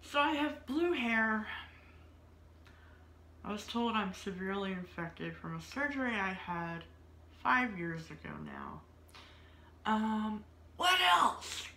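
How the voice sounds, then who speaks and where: A woman's voice: mid-range voice, very animated, slow, pauses often, bright, forceful tone. A woman in her thirties telling a story in a casual, rambling way, with many filler words and frequent laughter. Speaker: vlogger. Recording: roomy echo.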